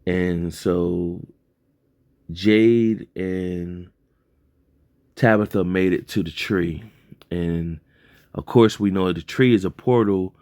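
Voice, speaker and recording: A man with a deep, low-pitched voice talks through a TV episode recap in a relaxed, unscripted way. He rambles and corrects himself, leaning on fillers and "like". The sound is dry and close, with no room around it. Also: slow, pauses often, no room sound. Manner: loose and rambling, heavy on fillers and self-corrections. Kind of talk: casual spoken recap.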